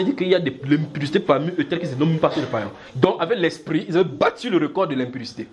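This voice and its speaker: A man from Cameroon preaching a sermon with a fairly high voice. He moves through his points with energy, acting out little scenes in changing voices and chuckling as he goes. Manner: lively, acts out little scenes with shifting pitch, chuckles while preaching.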